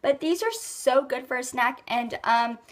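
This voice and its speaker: A young woman with a high, bright pitch and a lilt, chatting through her monthly favorites. She sounds a little under the weather, and she rambles with plenty of ums and likes. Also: a little slow. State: sick, voice a bit rough. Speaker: beauty vlogger. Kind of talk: casual rambling product review.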